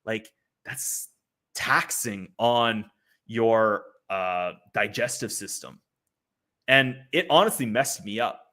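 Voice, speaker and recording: A man's voice: lowish voice, slow pace, sharp tone. A man hosting a casual livestream commentary, chatty and loose, with lots of filler words and laughing asides. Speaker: livestream host. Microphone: streaming setup.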